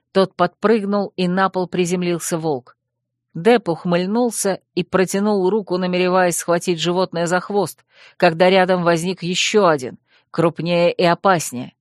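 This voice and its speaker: An audiobook narrator reads in a measured, expressive manner, with a mid-range voice. The sound is dry and close, recorded on a studio mic. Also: medium pitch, dry recording.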